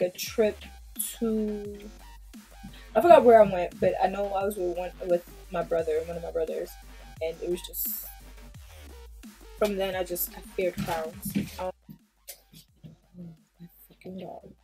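A woman's voice: mid-range voice, warm tone. A woman, talking casually and bluntly to the camera in a small room, now and then dropping into Jamaican patois phrases. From Queens, New York. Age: 20s. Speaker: vlogger. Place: small indoor room before a plain pink backdrop.

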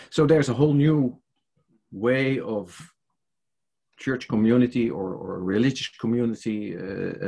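An older Dutch church leader, speaking with a Dutch accent, is interviewed over a video call from his home study using a headset. He's hesitant, with many fillers and restarts, and his fairly low voice is a little mellow and slightly rough.

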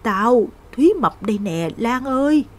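Breathy and unhurried, with lively pitch, a female narrator takes on the role of an older village woman earnestly begging an old friend.

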